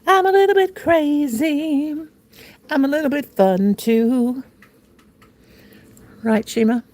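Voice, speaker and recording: Crocheting on a livestream, a playful older American host laughs and chats to herself in a gravelly, mid-range voice. The session is casual and silly as she keeps working.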